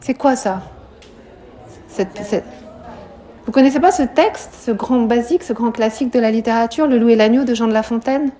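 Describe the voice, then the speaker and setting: In a live classroom, a woman with a dark tone teaches a high school French lesson on a poem, at normal speed but with long pauses. Her explanation is full of questions to the students and frequent "hein"s.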